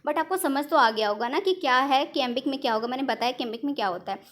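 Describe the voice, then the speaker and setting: A woman's voice: sits high, quick pace, a bit bright. A woman teaching an online exam-prep lesson, explaining step by step in Hindi mixed with English terms and correcting herself as she goes.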